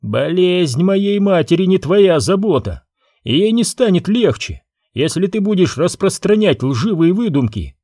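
A man's voice: sits high, very animated, measured pace, dry recording, clean studio sound, pitched above the performer's own voice, full character voice. Man doing a furious young prince. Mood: accusing. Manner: heated, accusing, shouting. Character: proud angry young prince, quick to accuse.

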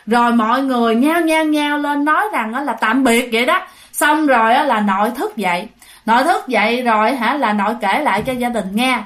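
A woman's voice: fairly high pitch, a bit bright. A woman telling a ghost story in a chatty way, often turning to her listeners directly. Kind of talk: spoken ghost story narration.

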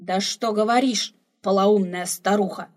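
A woman reading the part of a quarrelsome, excitable old male slave who loves adventure. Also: fairly low pitch, normal speed, breathy edge. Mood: scolding. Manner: loud, scolding, excitable.

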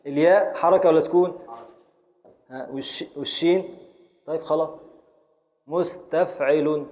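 A man with an Egyptian Arabic accent, an Islamic scholar of Arabic grammar and prosody, quizzes his class and scans verse syllable by syllable. He speaks at a moderate pace in a fairly high voice with a darkish tone.

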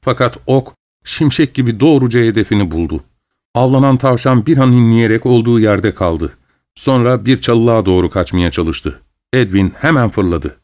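A man narrates a novel aloud as an audiobook. His delivery is steady and even, with a mid-range pitch. He reads in a measured storytelling manner. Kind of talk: scripted narration.

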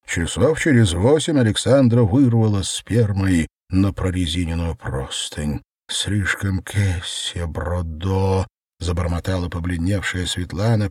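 Deep husky male audiobook narrator. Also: darkish tone, no echo, studio quality. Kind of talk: audiobook reading of surreal prose.

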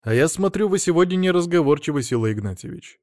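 A man voicing a calm male investigator who questions in a quiet, wry, needling way. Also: a little high, fast talker, no echo, studio quality, voice pushed up. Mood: probing.

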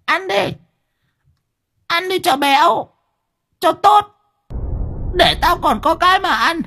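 Guy doing a shrill old granny gone mad, raspy gravelly shrieks, wild swoops up and down. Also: expressive, sharp tone, a little hiss or hum, exaggerated voice. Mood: gloating cackle. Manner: screeching curses, drawn-out wails. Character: crazed, ravenous old grandmother, abusive and shrieking.

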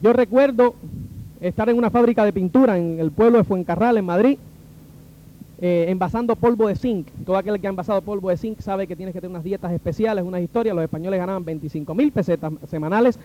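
A man with a Cuban Spanish accent and a high, bright-sounding voice tells a long personal story. He is animated and plays out the dialogue of each person he meets. The recording sounds dull and lo-fi. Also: fast. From Cuba. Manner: animated, acts out the dialogue of the people in his story.

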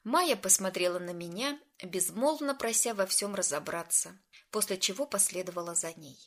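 A woman reading a first-person audiobook story in an even, storytelling manner. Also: medium pitch, normal speed. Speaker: narrator.

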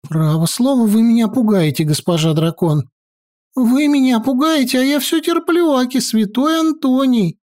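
A woman voicing a jittery, cowardly male sorcerer who pleads and frets in a high, whining patter. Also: expressive, moderate pace, a little mellow, lightly acted. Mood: fearful pleading.

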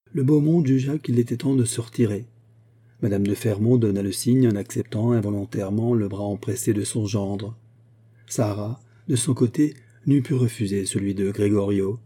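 A man reading a romantic short story aloud, measured and expressive, giving the dialogue its own voice. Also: lowish voice, husky. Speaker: audiobook reader. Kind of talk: literary narration.

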